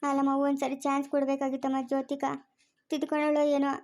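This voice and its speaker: A woman playing a worried young mother who soothes her baby and pleads softly, with a rural Chikkaballapur Kannada accent. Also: sits high, completely flat delivery, fast. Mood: pleading. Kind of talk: family drama acting.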